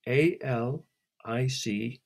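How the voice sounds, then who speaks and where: A man reading aloud and voicing a prim little girl who is easily annoyed, with a slightly husky voice. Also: medium pitch, animated, normal speed, voice pushed up. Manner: indignant, polite but peeved.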